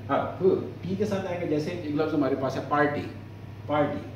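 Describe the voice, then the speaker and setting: A man teaching the alphabet who asks a question and then answers it, slowly drawing out each example word. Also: on the high side. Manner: slow, drawn-out repetition of example words. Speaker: language teacher. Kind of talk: explaining the alphabet. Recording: echoey, from far off, faint noise.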